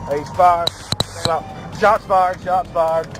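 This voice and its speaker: A man's voice: a little high, fairly even intonation, takes it slowly, over music. A man, a police officer in a pursuit, making clipped urgent calls over a police radio.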